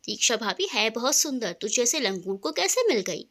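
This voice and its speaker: A woman voicing a joking, flattering young man who is nervous around his friend's wife, in a storybook reading. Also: a little high, normal speed, heavily acted. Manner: jokey, flattering.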